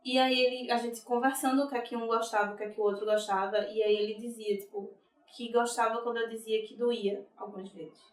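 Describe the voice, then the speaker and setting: A woman's voice: fairly high pitch, steady tone, brisk, reverberant, distant mic. A young woman giving a personal testimony in an interview, steadily recounting a painful memory and voicing both sides of the conversation.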